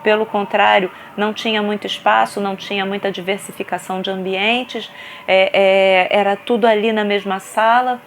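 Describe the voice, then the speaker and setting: This vlogger mom, in her thirties and carrying a Brazilian Portuguese accent, shares her experience at a normal speed in a mid-range voice over slight hiss or hum. Her delivery is earnest and lively, full of restarts and repeated filler words.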